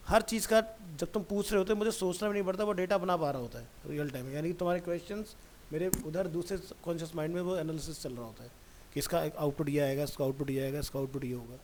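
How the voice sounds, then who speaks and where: A man's voice: on the high side, fast, darkish tone. Chatty male computer teacher, faint hiss. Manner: chatty, digressive, addresses student directly. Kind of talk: casual classroom talk.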